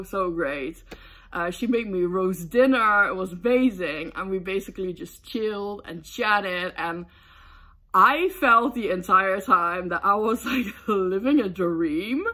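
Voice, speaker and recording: A young woman from the Netherlands telling a casual storytime, excitable and giggly with lots of ums. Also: mid-range voice. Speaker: booktube vlogger.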